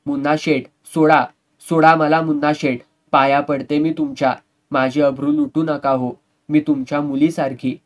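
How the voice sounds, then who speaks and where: A man's voice: medium pitch, normal speed, hardly any pauses, recorded from a distance, natural voice. Desperate pleading young woman, read by a man. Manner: pleading, crying out.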